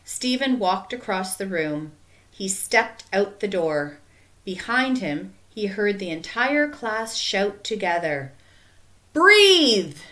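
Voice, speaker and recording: Slow, expressive woman reading a storybook. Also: medium pitch. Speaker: audiobook narrator. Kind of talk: storybook narration.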